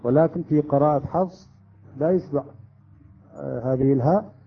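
A man's voice: fairly high pitch, moderate pace, gravelly. A man teaching a class, explaining rules step by step and often checking with students. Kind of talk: classroom lesson on Quran recitation rules. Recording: dull lo-fi recording.

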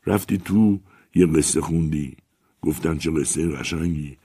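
A man reading a story aloud in a very deep voice. His tone is dark and slightly husky, and his delivery is measured and rhythmic. The recording is dry and close. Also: no echo.

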